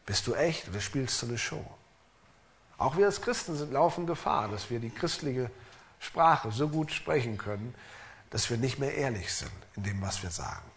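A man's voice: mid-range voice, lively intonation, normal speed. A middle-aged man preaching as a pastor in an earnest, emphatic way, asking his listeners direct questions. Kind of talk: sermon.

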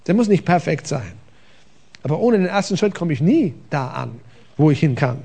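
A man preaches from a church stage, speaking with a gravelly, slightly raised voice. His delivery is conversational and lively, full of questions to the room. He sounds like a pastor talking his congregation through a sermon. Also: on the high side, normal speed.

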